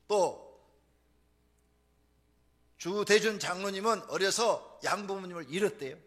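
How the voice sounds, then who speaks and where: A male pastor preaching a fervent sermon, moving from hushed storytelling to shouted exhortation. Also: high-pitched.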